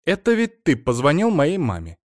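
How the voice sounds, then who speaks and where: A man's voice: a little high, wildly swooping pitch, moderate pace, a little mellow, no room sound, clean studio sound, voice pushed up. A man reading an audiobook, voicing a capricious, pampered young wife who coaxes and orders her husband about. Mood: bossy. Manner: coaxing, bossy.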